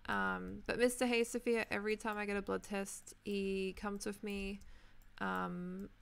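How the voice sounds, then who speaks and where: A woman's voice: mid-range voice, level tone, a little slow, vocal fry, clear, resonant tone. A woman in her twenties with an Australian accent, chatting casually with viewers while playing a building game. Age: 20s. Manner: chatty, rambling, answers viewers' comments. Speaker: Minecraft streamer. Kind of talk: casual chat while gaming.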